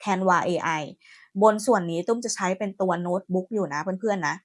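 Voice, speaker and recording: A woman hosting a software tutorial, chatty and friendly, talking her viewers through each step. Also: on the low side, a little fast, no echo, clean studio sound. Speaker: AI tutorial host. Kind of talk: screen-recorded software tutorial.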